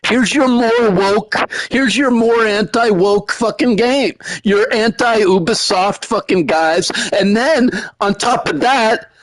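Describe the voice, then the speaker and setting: A man's voice: high voice, slow pace, dry recording, poor audio. A man ranting angrily and profanely about a video game, repeating himself as he talks. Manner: agitated, profane, repetitive ranting. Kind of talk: angry video game rant.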